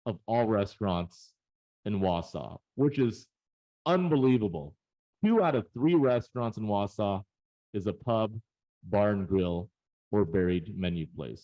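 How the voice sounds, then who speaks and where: A man's voice: fairly low pitch, highs cut off. A man presenting data in a webinar, explaining charts in a casual, conversational way with frequent fillers.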